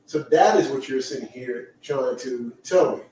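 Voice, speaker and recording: Speaking at a medium pitch with a dark tone and a gentle Caribbean lilt, a man runs a livestream full of casual, teasing chat and fast side remarks. His voice comes from well away from the mic in an echoey space, over a slight hiss or hum.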